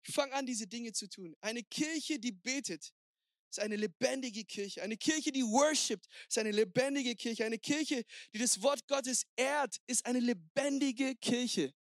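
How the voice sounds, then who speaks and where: A married man preaching a sermon, energetic and exhorting, sprinkling in English words. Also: very high-pitched, measured pace, no room sound, studio quality. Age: adult, married. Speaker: pastor.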